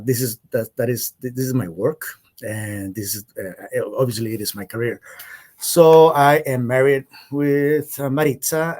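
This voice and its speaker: A middle-pitched, somewhat mellow man from Costa Rica, an insurance agent appearing as a podcast guest, speaks hesitantly in a casual interview. His delivery halts often, full of fillers and restarts.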